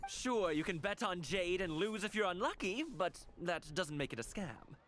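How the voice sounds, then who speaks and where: A smooth-talking game merchant, high in pitch and very animated. He sounds theatrical and self-justifying, like a salesman defending his trade, with music behind him. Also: normal speed. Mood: smooth, defensive. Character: slick male jade merchant, indignant and smooth-talking. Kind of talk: video game voice acting.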